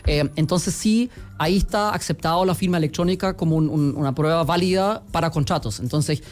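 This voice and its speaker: A company executive with a German accent is the guest on a radio interview, and his fairly high-pitched voice moves fairly quickly. His answers come out hesitantly, full of fillers and restarts.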